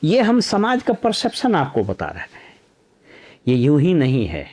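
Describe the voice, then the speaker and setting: Pitched on the high side and a little mellow, his voice swoops wildly up and down. He is a middle-aged man from Nalanda district, Bihar, once a civil servant, now giving measured, anecdotal commentary peppered with proverbs.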